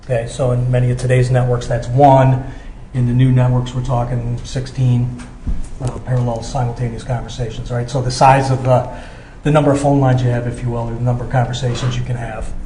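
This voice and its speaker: Speaking for his company, an American man explains technical material in a presentation and checks in with the audience as he goes. His mid-range voice is mellow and level in tone, and he talks fairly quickly. Background noise and room echo are audible.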